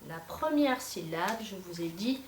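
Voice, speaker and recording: A woman teacher giving a dictation to young pupils, pausing between syllables and speaking slowly and clearly. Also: mid-range voice, lively intonation. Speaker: primary school teacher. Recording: echoey room, voice from a distance, faint hiss.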